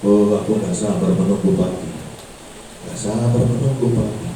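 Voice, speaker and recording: A middle-aged man preaching a sermon to a school assembly, telling a story with animated swings from hushed to loud. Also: fairly low pitch, moderate pace, a little hiss or hum. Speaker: pastor. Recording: echoey room, distant mic, faint ambience.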